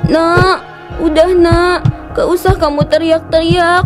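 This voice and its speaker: Sick, gentle cartoon mother with a high voice and weak delivery. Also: flat delivery, slow, loud music behind the voice. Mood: gentle sorrowful. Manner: weak and groaning in pain. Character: poor, sick middle-aged mother, meek and gentle. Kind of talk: cartoon voice acting.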